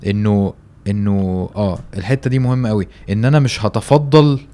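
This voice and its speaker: A man's voice: lowish voice, fairly quick, dark tone, clean tone. A young man with an Egyptian Arabic accent, co-hosting a casual chat on religion in an informal way, often checking he is understood.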